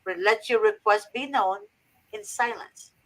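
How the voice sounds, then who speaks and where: A woman's voice: mid-range voice, measured pace, fairly bright tone, poor audio. A woman from Egypt hosting a faith-based advice talk, earnest and preachy with emphatic repetition. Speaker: host.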